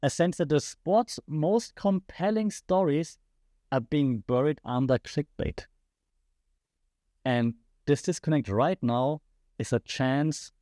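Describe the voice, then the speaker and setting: A German-accented man hosts a podcast alone, offering impassioned commentary and rhetorical questions for his listeners. His mid-range voice is darkish and a bit worn, as if he's losing it slightly; the studio-quality recording has no echo.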